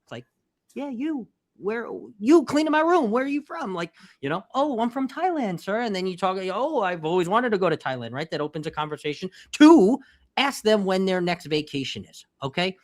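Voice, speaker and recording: A man's voice: sits high, very animated, normal speed. A man co-hosting a podcast who gives tips in an emphatic way and keeps checking in with "okay?". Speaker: podcast co-host. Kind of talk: casual podcast chat.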